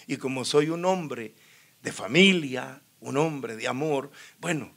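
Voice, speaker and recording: A man preaching a sermon, telling his own story with lively, acted-out dialogue and frequent laughter. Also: medium pitch, slow pace, creaky. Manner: animated storyteller, acts out dialogue, laughs often. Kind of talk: sermon with personal testimony.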